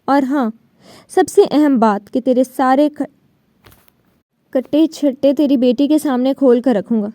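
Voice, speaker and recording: Brief: woman narrator voicing a sneering vengeful young man, audiobook, high pitch. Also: pauses often, warm tone, no echo, clean studio sound, natural voice. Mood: menacing. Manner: menacing, sneering. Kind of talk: audiobook novel reading.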